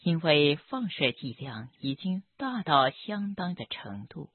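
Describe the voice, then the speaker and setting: A doctor telling a story about a patient in a gentle, measured, reflective narration. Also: mid-range voice, big pitch swings, no echo. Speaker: doctor treating cancer patients. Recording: tinny phone-like audio with faint background music.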